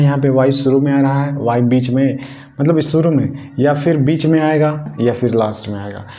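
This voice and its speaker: A man's voice: medium pitch, dark tone. A man teaching a grammar lesson, explaining step by step, repeating key points and putting questions to his students. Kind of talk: Hindi classroom-style grammar lesson. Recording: echoey room with faint noise.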